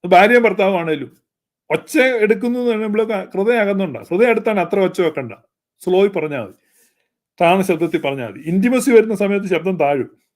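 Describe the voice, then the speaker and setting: A man's voice: sits high, expressive, brisk. A man preaching in a fervent, scolding style, with pointed repetition. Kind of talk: sermon-style critique.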